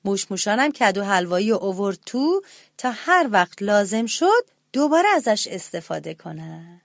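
A woman reading a children's story aloud in a gentle, expressive way and speaking directly to the children listening. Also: mid-range voice, vocal fry, no room sound, clean studio sound.

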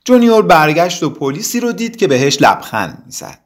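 A man reading a children's story aloud in an expressive way with dramatic pauses. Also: fairly high pitch.

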